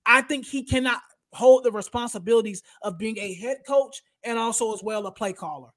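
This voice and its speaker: A man's voice: high voice, brisk, a bit bright. A man hosting a casual sports talk show, blunt and opinionated, who often says "bro" and "y'all". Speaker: podcast host.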